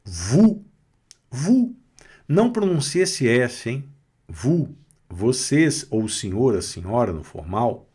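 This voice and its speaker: Slow, lively Brazilian man teaching French. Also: medium pitch, slightly rough. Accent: Brazilian Portuguese, Minas Gerais. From Minas Gerais, Brazil. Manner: patient, drawn-out explanations with frequent "né?" and "tá certo?"; playful, joking asides. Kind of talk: online language lesson.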